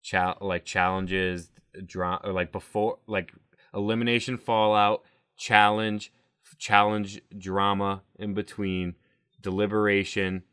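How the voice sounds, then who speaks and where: A man with a notably deep, low-pitched voice talks through a podcast episode in loose, casual chat. He rambles, circles back and restarts his thoughts, and laughs often as he goes. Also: little pitch movement, slow, a bit bright, clear, resonant tone. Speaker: podcast co-host.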